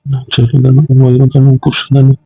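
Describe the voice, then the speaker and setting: Guy playing a broken-down husband begging, talks fast, sounds like over a phone. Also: medium pitch, completely flat delivery, husky, no echo, narrow, tinny audio. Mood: pleading. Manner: pleading, despairing. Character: grief-stricken young husband, guilt-ridden and pleading.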